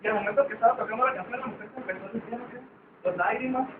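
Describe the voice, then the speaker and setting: A man casually retells a folk tale, chatty and informal, peppered with fillers. His voice sits unusually high for a man. The sound is tinny and phone-like, recorded from a distance in an echoey space. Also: racing, noisy background. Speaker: storyteller.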